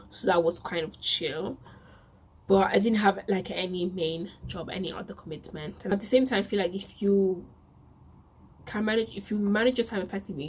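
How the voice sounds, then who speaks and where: An Italian woman in her twenties with a lowish voice and an Italian accent vlogs a casual story to camera. She chats along, repeating herself as she goes.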